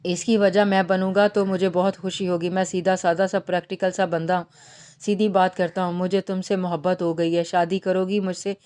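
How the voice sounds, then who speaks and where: An earnest young suitor, concerned and tender, speaks in a low, level, smooth voice, as a woman narrator reads his lines. He is a gentle, steady figure from a romance novel read aloud. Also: close to an everyday voice. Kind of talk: audiobook novel reading.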